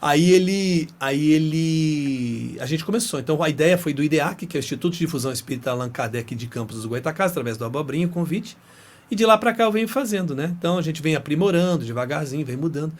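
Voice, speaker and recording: A man's voice: fairly high pitch, lively intonation, fast. A middle-aged Brazilian man with a Brazilian Portuguese accent, a guest in an interview who chats and tells stories, often tagging his sentences with "né". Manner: chatty, often tags phrases with "né". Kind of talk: casual interview storytelling.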